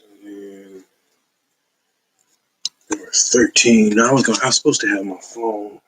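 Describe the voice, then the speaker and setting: A man with a fairly low, slightly bright voice speaks a little slowly with fairly even intonation, showing off his comic book haul in a casual video. He rambles in a laid-back, slangy way with many fillers, on a rough recording with a little hiss or hum.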